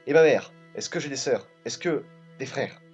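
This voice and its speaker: A man's voice: mid-range voice, normal speed, faint music behind, natural voice. A man reading aloud the lines of a confused young male hero who has lost his memory, in a bewildered, questioning manner. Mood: puzzled. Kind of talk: reading game dialogue aloud. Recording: dull lo-fi recording.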